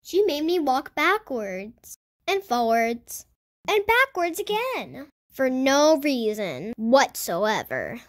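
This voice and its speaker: A woman reading a picture book aloud to children in an animated storytelling style. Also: high voice, slow. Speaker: children's storybook reader and host. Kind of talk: animated read-aloud narration for kids.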